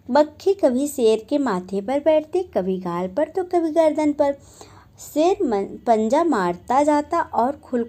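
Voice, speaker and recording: A woman's voice: high voice, dark tone. A woman teacher reading a children's story aloud and patiently explaining each passage in simple words.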